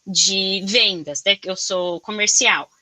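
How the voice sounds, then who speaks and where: A Brazilian woman with a Brazilian Portuguese accent, chatting casually in an interview. She talks loudly and expressively and tells her stories in an animated way. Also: medium pitch, slow pace, no room sound. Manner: loud, expressive, animated storytelling. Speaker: corporate sales professional.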